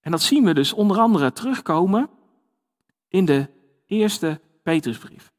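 A man's voice: sits high, animated, measured pace, big-room sound. A man giving a conversational sermon, with many fillers and restarts. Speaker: preacher.

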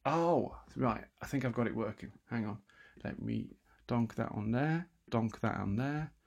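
A man talking quietly and wryly at night from a room in his house, hosting a solo radio show with lots of asides and restarts. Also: medium pitch, measured pace, vocal fry, husky. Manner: self-deprecating, wry, full of asides and restarts; talking quietly, half-whispering at times. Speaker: radio host. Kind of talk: rambling late-night solo radio chat.

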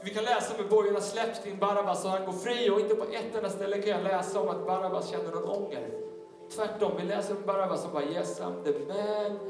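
Male pastor, fervent sermon voice and high for a man, distant mic in a very echoey large hall. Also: fairly even intonation. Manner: fervent, urging listeners directly. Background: worship music.

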